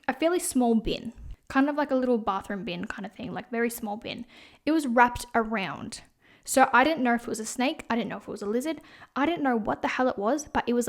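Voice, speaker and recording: A young woman talks in a chatty, rambling way and peppers her sentences with "like". Her voice sits a little high. She hosts a casual storytelling podcast. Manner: chatty, animated, heavy use of "like". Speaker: podcast host and salon owner.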